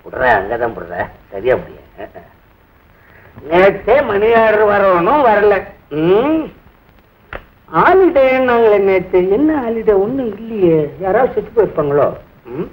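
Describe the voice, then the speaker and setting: A fretful villager muttering to himself in a high, wandering voice. He frets on through a scene from an old film. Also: sing-song, unhurried, pauses often, poor audio. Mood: worried. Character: worried man waiting for a money order.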